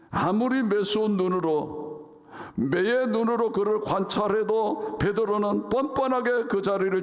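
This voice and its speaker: A man's voice: high voice, vocal fry. A man preaching a sermon as pastor in a church, reading scripture dramatically and acting out the quoted lines. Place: church sanctuary. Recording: reverberant church sanctuary.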